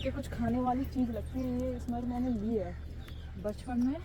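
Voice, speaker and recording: A woman's voice: fairly high pitch, steady tone, moderate pace, warm tone, slight background noise. A woman vlogging outdoors, chatting casually and narrating what she sees to her phone camera. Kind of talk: casual vlog chat. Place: outdoors by a ground and trees.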